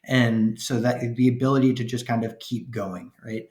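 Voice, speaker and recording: A man's voice: medium pitch, steady tone, moderate pace, darkish tone, reverberant. A man in his thirties, a podcast guest, talking earnestly and steadily with plenty of "um" and "right?". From upstate New York. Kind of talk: casual interview chat.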